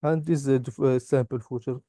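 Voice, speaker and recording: Halting, dark-voiced man from Morocco. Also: medium pitch, fairly even intonation, dry recording, clean studio sound. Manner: halting non-native English, many "uh" pauses. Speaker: software engineering graduate. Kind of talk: interview answers and product demo.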